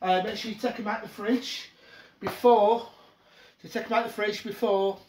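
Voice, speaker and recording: A man with a high, darkish voice and fairly even intonation talks at normal speed to viewers of his casual home cooking show while working at the stove. He's chatty, uses working class speech, and keeps saying "guys"; frying and sizzling fill the noisy kitchen.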